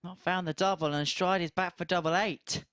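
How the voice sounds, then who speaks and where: A man's voice: sits high, fairly even intonation, normal speed, fairly bright tone, clear, resonant tone, no echo. A man from southern England with a southern English accent, giving casual live darts commentary and chatting with a colleague.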